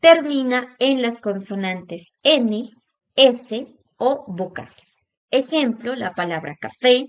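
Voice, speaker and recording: Slow, deliberate woman teacher. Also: a little high, lively intonation. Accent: Latin American Spanish. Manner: slow, drawn-out stressing of example words. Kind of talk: recorded classroom lesson.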